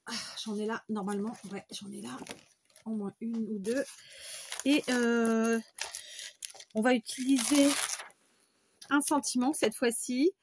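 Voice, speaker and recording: A woman's voice: a little high, steady tone, measured pace, pauses often, darkish tone, a little hiss or hum. A woman hosting a casual crafting tutorial, chatty and thinking aloud as she works, sometimes talking to herself.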